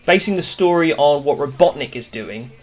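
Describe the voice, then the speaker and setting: A man's voice: on the high side, lively intonation, normal speed, faint music behind. A man hosting a casual cartoon review, talking through his opinions in a chatty, enthusiastic way. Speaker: host.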